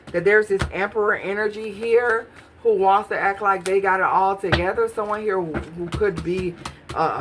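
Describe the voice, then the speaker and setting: There's a noisy background behind this medium-pitched woman. She's a tarot reader in a relaxed session, thinking out loud and interrogating the cards as each is drawn.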